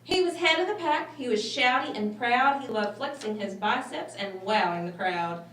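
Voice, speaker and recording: A woman reading a children's story aloud with expressive, dramatic phrasing. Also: a little high, normal speed. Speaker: storybook reader. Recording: roomy, distant mic, faint noise.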